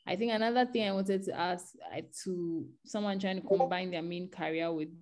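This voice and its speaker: A woman's voice: lowish voice, fairly even intonation, fairly quick, darkish tone. A woman speaking as a guest on an online tech panel, giving earnest advice and often restarting her sentences.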